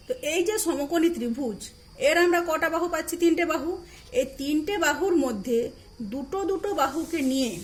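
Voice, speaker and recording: A woman teacher with a Bengali accent from eastern India gives a recorded math lesson, patiently repeating key terms, spelling them out letter by letter, and answering her own questions. Her voice sits high on a rough recording.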